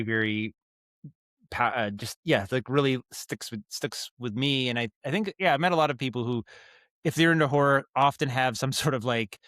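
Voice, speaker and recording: This man is a podcast guest, an audio storyteller and director, describing his craft in a thoughtful, rambling way and often correcting himself. His mid-range voice is slightly bright, with no room sound.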